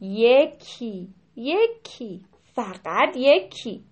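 A woman voicing a stubborn, tight-fisted older neighbor woman in a children's story, answering in slow, curt, drawn-out words. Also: mid-range voice, animated, faint music behind, voice pushed down, close to an everyday voice.

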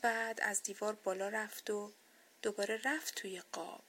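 A woman reading a children's bedtime story aloud, soft, gentle and expressive. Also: mid-range voice, slightly rough.

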